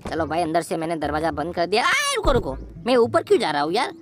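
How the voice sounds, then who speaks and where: A woman voicing an excitable, boastful boy cartoon hero while commenting on a game, teasing and shouting at the villain. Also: fairly low pitch, fast, music in the background. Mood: excited. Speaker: gameplay commentator. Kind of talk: playful gameplay commentary in character.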